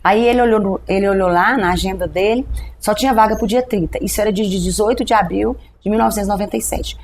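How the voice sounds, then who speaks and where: Middle-aged Brazilian woman pastor, rapid lively storyteller, acts out the dialogue, faint background noise. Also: mid-range voice. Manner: animated storytelling, acting out dialogue with a doctor. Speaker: pastor, guest telling her testimony. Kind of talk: testimony in a podcast interview.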